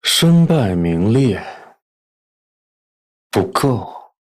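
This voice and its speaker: An actor playing a ruthless young tycoon who speaks calmly and coldly, with quiet menace. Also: male voice, fairly low pitch, very slow, exaggerated voice, rough recording. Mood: menacing. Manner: calm, cold and menacing.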